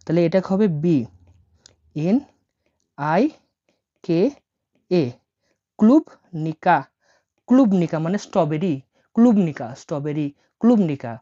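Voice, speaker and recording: A woman's voice: on the low side, animated, measured pace, long pauses, warm tone, muffled recording. A woman teaching a language lesson, spelling words out letter by letter and repeating them patiently.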